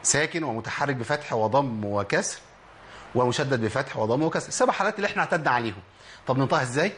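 Brisk Egyptian man teaching recitation. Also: medium pitch, expressive, a bit bright, slight background noise. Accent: Egyptian Arabic. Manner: explains then drills sounds slowly, asks and answers himself. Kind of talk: spoken tajweed lesson.

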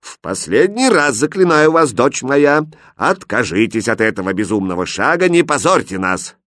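A man's voice: mid-range voice, very animated, normal speed, fairly bright tone, dry recording. Man putting on a fussy old king, whiny and flustered, voice swinging up and down, dry and close. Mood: moaning. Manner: whining, moaning, flustered.

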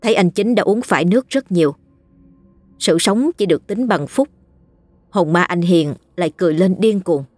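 A narrator telling a ghost story in a steady, scripted way. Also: medium pitch, normal speed, no room sound, faint music behind.

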